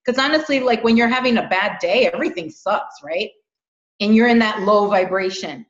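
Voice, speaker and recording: A woman's voice: mid-range voice, normal speed. A middle-aged woman talking earnestly and animatedly in a casual spiritual chat, often repeating her words. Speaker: spiritual podcast co-host. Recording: echoey room, dull lo-fi sound.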